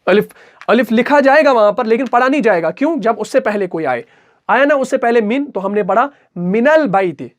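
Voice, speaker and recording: A man with a fairly high voice explains recitation rules step by step. He repeats each point patiently and asks his students questions that he then answers himself, like a classroom teacher. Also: expressive, fairly quick.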